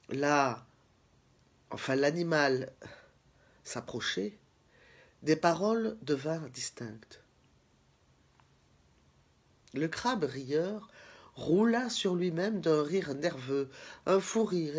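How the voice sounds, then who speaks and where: A man narrating a children's tale as a storyteller in a gentle, expressive reading manner, with a husky voice. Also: on the high side.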